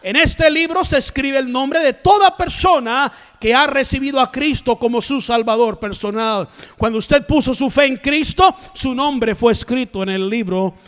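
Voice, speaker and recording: A male pastor preaching a sermon with passion. He swings between shouted lines and hushed low ones and repeats phrases for emphasis. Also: moderate pace, hardly any pauses, long reverb tail.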